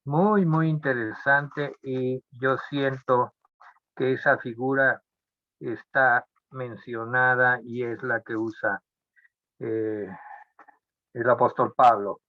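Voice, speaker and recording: A man preaching a sermon as pastor, speaking deliberately and often repeating phrases or restarting words. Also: medium pitch, steady tone, no room sound. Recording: dull lo-fi sound.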